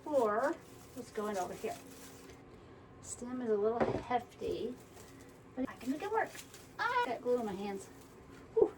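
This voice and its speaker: A woman's voice: a little high, big pitch swings, moderate pace, long pauses, far from the mic. A chatty woman walks through a crafting project, half talking to herself as she works. Her voice sits a little back from the mic, with a faint hiss of background noise underneath. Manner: chatty, mutters to herself while working. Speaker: wreath-making tutorial host. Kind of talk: casual crafting tutorial.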